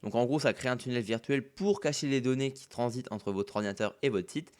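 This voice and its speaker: A man narrates a screen-recording tutorial one step at a time. His delivery is relaxed and conversational, with the odd filler as he goes. His pitch sits in an ordinary middle range. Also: a little fast. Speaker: tech YouTuber.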